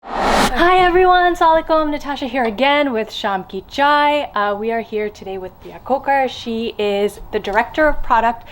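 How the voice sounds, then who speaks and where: A woman hosting a casual interview chat, encouraging her guest with quick affirmations. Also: on the high side, expressive. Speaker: host. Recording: faint background noise.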